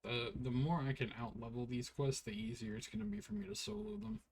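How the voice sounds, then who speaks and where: This man streams an online role-playing game, his mid-range voice animated and brisk despite his tiredness and yawns. His laid-back, rambling commentary is packed with "like," and there's slight background noise.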